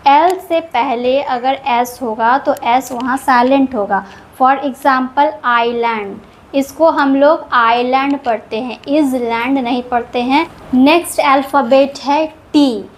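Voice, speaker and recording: Slow, high-voiced woman teaching. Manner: explains each rule patiently, repeating words. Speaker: English reading teacher. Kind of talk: slow step-by-step lesson.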